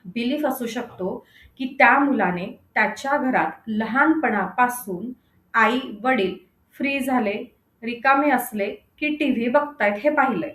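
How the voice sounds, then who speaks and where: A woman's voice: sits high, fairly bright tone, echoey room. A woman giving a parenting lecture who keeps asking her listeners questions and repeats phrases for stress. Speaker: parenting coach.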